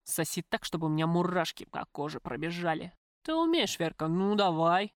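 A woman's voice: on the low side, moderate pace, dry recording, clean studio sound, lightly acted. Woman doing a crude brutal gangster man. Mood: menacing. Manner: coarse, commanding.

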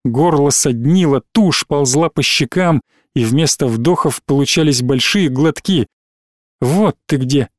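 A man narrating an audiobook in a steady, dramatic reading style. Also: a little high, unhurried, dry recording, clean studio sound.

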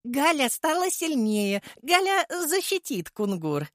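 A bubbly, girlish golem chatters in a very high, drawn-out, childlike voice, put on by a man reading a fantasy audiobook. She gushes and whines like a little girl, slow and sing-song. The sound is close and dry. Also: sing-song, a bit bright, no room sound, heavily acted. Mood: chirpy. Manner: gushing, whiny, childlike. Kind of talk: audiobook character voice.

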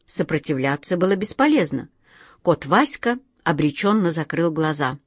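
A woman's voice: low-pitched, expressive, normal speed, no echo, clean studio sound. A woman narrating a children's story expressively, speaking directly to her listeners.

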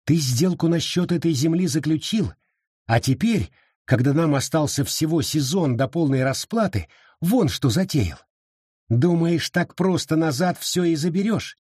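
A man voicing a gruff, domineering older brother in an audiobook, speaking harshly and with scorn. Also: on the high side, animated, unhurried, darkish tone, no room sound, studio quality, voice pushed up. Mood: scornful. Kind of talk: audiobook reading.

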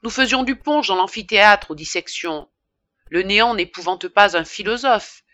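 A woman's voice: medium pitch, moderate pace, pushed and bright, dry recording, natural voice. Woman doing a pompous boastful pharmacist. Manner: pompous, declaiming. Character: boastful self-important male pharmacist.

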